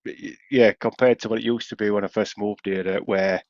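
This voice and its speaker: A man's voice: fairly low pitch, fairly even intonation, a little fast, darkish tone, dry recording. A man with a broad Yorkshire accent co-hosting a podcast, telling rambling stories in casual banter. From Yorkshire, England. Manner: chatty, rambling storyteller. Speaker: podcast co-host. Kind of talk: casual pub-banter chat. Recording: dry, slightly dull podcast audio.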